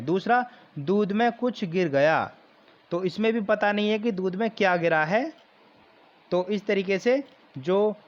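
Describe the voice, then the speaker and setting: A man teaching a grammar lesson for exam preparation, explaining slowly and repeating key terms. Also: high voice, dull audio.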